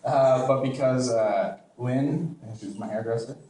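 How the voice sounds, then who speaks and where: A man's voice: mid-range voice, unhurried, warm tone, slight background noise. A young man from Canada doing a crude, rambling, self-deprecating stand-up set in a comedy club, full of "like" and "you know.". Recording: echoey club, distant mic, crowd laughter.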